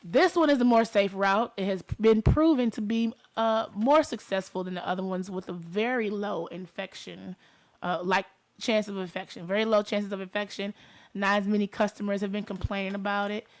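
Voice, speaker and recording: A female talk show host with a Detroit accent, from Detroit itself, chats casually and speaks directly to her audience. Her pitch is medium, her intonation fairly even, and her speed normal.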